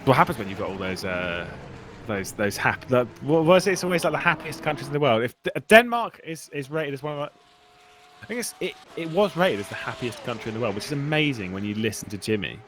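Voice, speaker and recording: A man's voice: medium pitch, quick pace. A man commentating an online race broadcast in a casual, chatty way, laughing and restarting his sentences. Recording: steady background noise.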